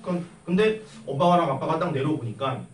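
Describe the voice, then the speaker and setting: A young man teaching math in a classroom, chatty and animated, telling stories and tossing questions at his students. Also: a little high, fairly quick. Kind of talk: classroom lecture with storytelling. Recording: echoey classroom from a distance with faint noise.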